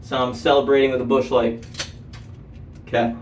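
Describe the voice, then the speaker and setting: A man's voice: medium pitch, flat delivery, moderate pace, far from the mic, a little hiss or hum. Swearing young guy, echoey room. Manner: casual, heavy swearing, lots of fillers. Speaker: vlogger. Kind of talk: casual storytelling. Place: indoor room while doing manual work.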